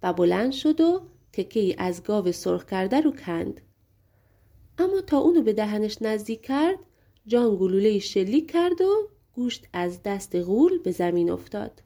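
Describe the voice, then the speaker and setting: A woman narrating a fairy tale audiobook in a lively, colloquial storytelling manner. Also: mid-range voice.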